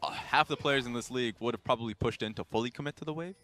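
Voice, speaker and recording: A man's voice: medium pitch, racing, a bit bright. A man doing color commentary on a live esports match, analytical and explaining plays at length.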